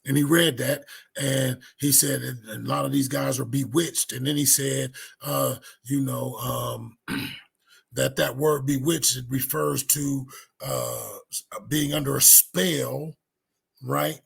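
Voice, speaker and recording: Man, bible teacher, gravelly, husky, casual emphatic talk. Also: mid-range voice, fairly even intonation, slow. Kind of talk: commentary on a debate clip.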